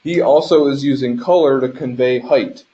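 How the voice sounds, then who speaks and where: Speaking at a moderate pace with a mellow, mid-pitched tone, a game design instructor walks through material on a shared screen. He frequently pauses to ask "right?" while explaining. His conference call microphone yields muffled, dull, low-fidelity audio.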